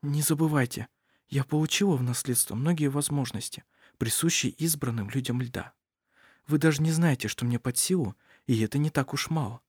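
Brief: male reader playing a resolute young woman, soft and hushed, slightly raised pitch, dry booth. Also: expressive, moderate pace, no room sound. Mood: calm resolve. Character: young woman, calm, strong-willed daughter.

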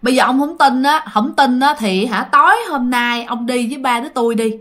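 Woman voicing pushy superstitious guys, Southern Vietnamese, coaxing, bright tone. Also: high voice, a little fast. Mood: insistent. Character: three superstitious men, boastful and insistent.

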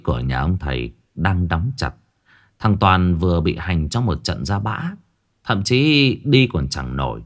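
A man narrating a ghost story in an expressive, dramatic storytelling manner. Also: low voice. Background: faint background music.

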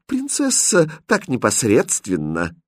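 Man playing a sly flattering court jester. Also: mid-range voice, takes it slowly, dry recording, voice pushed up, full character voice. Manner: flattering, smooth-talking, sing-song.

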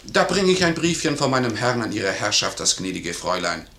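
An actor playing a blunt, gruff manservant to an officer in a 1950s German radio play. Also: male voice, on the low side, sing-song, brisk, pushed and bright, slight background noise, exaggerated voice. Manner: blunt, gruff, plain-spoken. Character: blunt, loyal male servant of a major. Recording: roomy 1951 radio recording.

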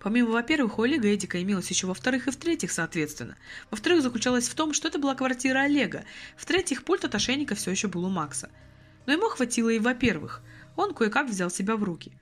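A woman's voice: fairly high pitch, very fast, soft background music. Woman narrating an audiobook expressively. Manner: expressive storytelling.

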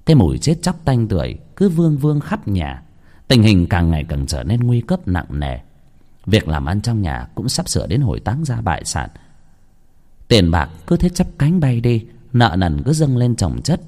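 A man's voice: fairly low pitch, huge pitch swings, moderate pace, mellow. A man narrating a horror story with dramatic delivery.

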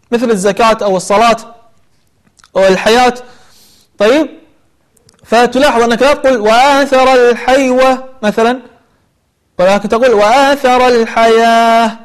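A man teaching a tajweed lesson, explaining recitation rules and then chanting verses slowly with long drawn-out vowels. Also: extremely high pitch.

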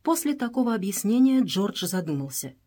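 A woman reading a chapter of an adventure novel aloud, steady and measured. Her voice sits at an ordinary middle pitch for a woman. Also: husky. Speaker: audiobook reader. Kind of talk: audiobook narration.

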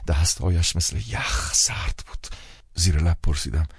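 A man narrating a novel as an audiobook in calm, measured first-person storytelling. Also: sits low, husky, no echo, studio quality. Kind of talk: scripted narration.

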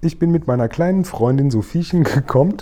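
A man reading aloud, voicing a huge gentle male giant who talks slowly and mangles his words. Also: on the high side, animated, voice pushed up, close to an everyday voice. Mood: beaming. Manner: slow, beaming, stumbling over words.

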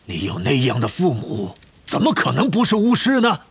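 A man playing a huge half-giant groundskeeper with a gravelly, raspy voice that swings wildly from low grumbles to booming roars. He is hot-tempered and blustering, a storybook giant through and through. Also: huge pitch swings, normal speed, heavily acted. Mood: gentle. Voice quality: gravelly, rough. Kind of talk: audiobook character reading.

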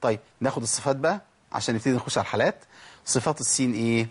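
A man's voice: medium pitch, racing, slightly rough. A man with an Egyptian accent teaching Quran recitation rules. He keeps asking questions and then answers them himself. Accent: Egyptian Arabic. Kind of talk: tajweed lesson.

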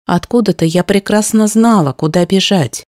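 A woman reading a first-person story aloud in a steady, even narration style. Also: mid-range voice, normal speed, no room sound, clean studio sound. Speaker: audiobook narrator.

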